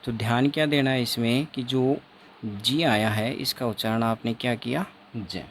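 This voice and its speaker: A man teaching phonetics for an exam, slowly repeating each word and quizzing his viewers. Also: mid-range voice, a bit bright, slight background noise. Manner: slow, repeats words over and over, quizzes the viewer. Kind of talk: exam-prep phonetics lesson.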